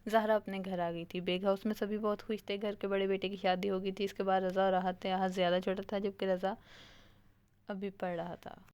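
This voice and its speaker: A woman narrating an audio novel in a steady, plain reading manner. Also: mid-range voice, a little fast, clean tone.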